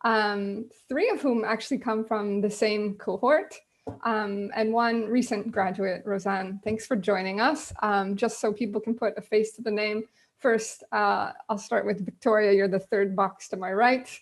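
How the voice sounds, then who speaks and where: A woman at her computer hosting a relaxed video-call panel, speaking at an ordinary middle pitch. Her delivery is loose and conversational, dotted with ums as she introduces people and plans the evening. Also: a little slow. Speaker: host. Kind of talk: casual online panel chat.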